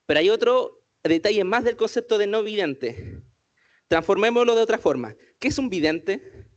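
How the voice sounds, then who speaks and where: In a muffled recording, a high-pitched man speaks expressively at normal speed while leading an inclusion workshop. He engages the group with many questions, repeatedly saying "¿cierto?".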